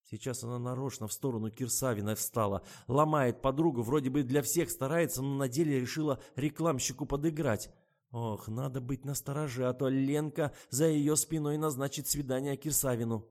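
A man's voice: mid-range voice, normal speed, darkish tone. Man reading a wry novel. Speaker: audiobook narrator.

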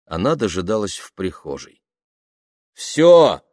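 A man reading an audiobook aloud in measured, even scripted narration. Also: sits low, no room sound, clean studio sound.

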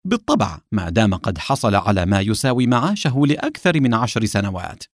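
A man voicing a calm, sarcastic male secret agent in an audiobook. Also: fairly low pitch, fast talker, dry recording, clean studio sound.

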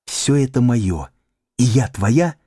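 A man reading an audiobook, voicing an adoring, playful young woman in a lilting raised voice, soft and eager. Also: medium pitch, animated, takes it slowly, breathy edge, dry recording, clean studio sound, voice pushed up.

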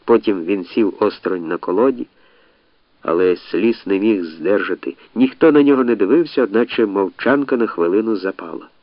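A man reading a novel aloud in a measured, expressive narration. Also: lowish voice, dry recording, lo-fi sound. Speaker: audiobook narrator. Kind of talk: scripted narration.

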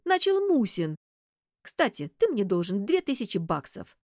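A woman's voice: medium pitch, sing-song, measured pace, a little mellow, no echo. Woman doing a scheming young gal, mocking and theatrical, dry sound. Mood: stubborn. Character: sly, vengeful young woman.

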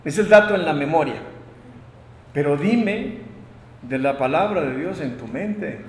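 A high-pitched man preaching in an emphatic sermon style. He swings from loud proclamations to quiet asides. His voice carries a long, echoing reverb from the church hall. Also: expressive, unhurried.

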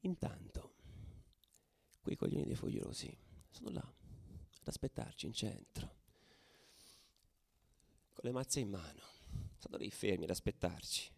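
In a radio theatre monologue, a stage actor speaks in the first person as a fervent male football ultra recalling riots and away trips. His lowish, gravelly voice is sing-song and exaggerated, and he sounds exasperated. He delivers it intensely and deliberately, repeating phrases and lurching from hushed tones to shouts.

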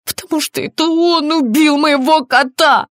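A woman's voice: high-pitched, moderate pace, dry recording, clean studio sound, voice pushed up, lightly acted. A woman reading an audiobook voices a distraught middle-aged woman who breaks into shrieking, sobbing outbursts under police questioning. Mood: hysterical shouting.

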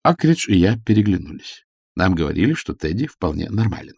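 A man narrating a humorous story as an audiobook, reading in an expressive literary manner. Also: low voice, a little fast, creaky, slightly rough, no echo, studio quality.

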